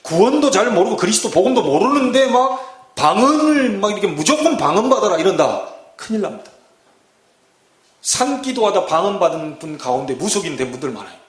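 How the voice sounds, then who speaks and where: Animated high-voiced pastor preaching. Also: male voice, a little fast. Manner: animated, acts out scenes in dramatic voices. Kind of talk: sermon. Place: church sanctuary. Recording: echoey church hall.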